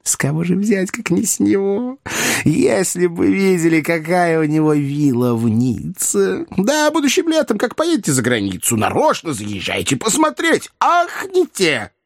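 A sly, fidgety interpreter who pleads and whispers in a high, breathy voice, as a male narrator puts him on. His pitch jumps and swoops constantly. The recording is dry and close. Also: wildly swooping pitch, moderate pace, no room sound, full character voice. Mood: excited.

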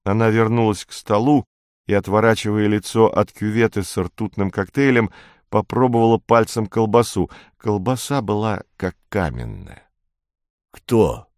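Male narrator, audiobook reading, steady, low voice, dry close sound. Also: moderate pace, smooth, no room sound.

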